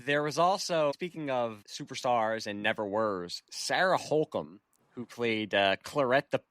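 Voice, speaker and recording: A man's voice: mid-range voice, expressive, a little slow, a bit bright, dry recording, clean studio sound. A man from Philadelphia hosting a podcast, eagerly rattling off movie trivia in casual chat. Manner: trivia-laden, eager, chuckling. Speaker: podcast host.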